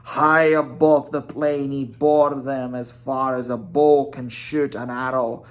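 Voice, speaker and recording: Slow, theatrical storyteller with middling pitch. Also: steady tone. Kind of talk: dramatic storybook reading.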